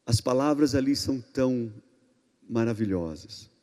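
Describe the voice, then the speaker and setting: A Brazilian pastor preaching a sermon in an emphatic way, swinging between loud outbursts and hushed passages. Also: male voice, medium pitch, animated, normal speed. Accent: Brazilian Portuguese. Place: church hall. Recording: long reverb in a church hall.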